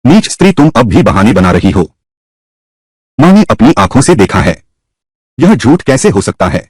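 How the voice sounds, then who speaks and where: A man's voice: mid-range voice, very animated, normal speed, breathy edge, no room sound. A man voicing an arrogant young nobleman who insults his wife and lectures his mother in a dubbed story. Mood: contemptuous. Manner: contemptuous, lecturing.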